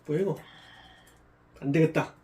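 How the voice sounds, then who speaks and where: A man's voice: a little high, moderate pace, warm tone. A man casually playing a card duel as the opponent, making short game calls and remarks.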